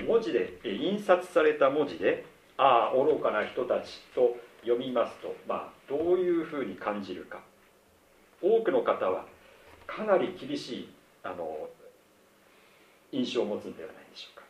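A middle-aged man preaches a sermon in an easy, conversational way, measured and lively in pitch as he acts out quoted lines. He sounds roomy and set back from the mic in a church hall, with faint ambience behind him. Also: distant mic, slight background noise. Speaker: pastor.

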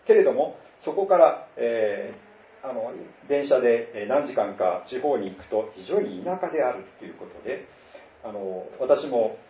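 A middle-aged man from northern Japan preaching a sermon in an easygoing, conversational way, pausing often with fillers. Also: mid-range voice, animated, slight background noise. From Tohoku, Japan. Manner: conversational, many fillers and pauses. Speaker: pastor. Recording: roomy, distant, dull lo-fi sound.

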